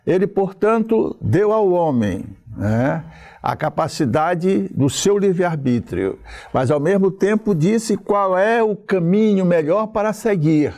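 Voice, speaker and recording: An older man lectures in a slow, deliberate way, pausing between short phrases. His voice is gravelly and dark, and his pitch rises and falls a great deal as he stresses points. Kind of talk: spoken lecture.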